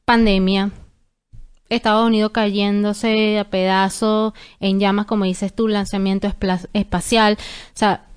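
A young adult woman co-hosting a casual podcast, explaining things in an earnest, steady way. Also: medium pitch, measured pace, smooth. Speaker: podcast co-host.

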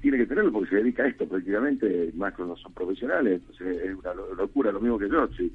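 A middle-aged Argentine man, a rugby coach, talking earnestly by phone in a halting way with many restarts and fillers. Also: low voice, lively intonation, slightly rough. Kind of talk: casual phone interview. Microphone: telephone. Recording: tinny phone line.

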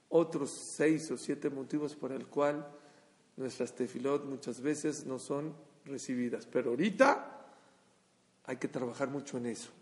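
A man giving a sermon full of stories, acting out the dialogue in them with lively energy. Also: mid-range voice. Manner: animated storyteller, acts out dialogue. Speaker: rabbi. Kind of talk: sermon with storytelling. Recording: long hall reverb.

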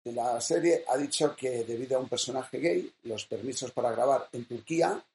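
A man's voice: mid-range voice, normal speed, gravelly, a little mellow, a little hiss or hum. Man chatting through news items, echoey room. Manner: reads news items in a conversational way. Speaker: co-host. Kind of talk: casual news chat. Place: small room at home.

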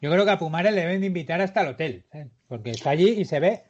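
A man, co-hosting a casual chat and telling anecdotes in a jokey, storytelling way, slowing down for effect. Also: on the high side, lively intonation. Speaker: podcast co-host. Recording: dull lo-fi recording.

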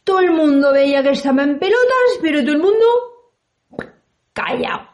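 High-voiced woman telling a children's tale. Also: moderate pace, reverberant. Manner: lively, playful, acts out the characters. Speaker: reporter and storyteller.

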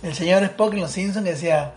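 A man in a casual chat, talkative and laughing often, speeding up in quick bursts. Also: high voice, a little mellow, faint music behind.

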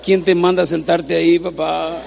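A man's voice: fairly high pitch, level tone, normal speed, creaky, darkish tone, a little hiss or hum. A man preaching a humorous sermon in a church, joking with the congregation and having them repeat words after him.

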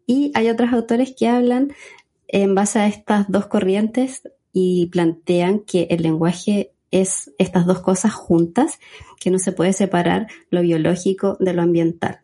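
A woman's voice: mid-range voice, fairly even intonation, mellow, slightly rough. A young adult woman, a speech therapist, explaining patiently as an interview guest. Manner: measured, explanatory.

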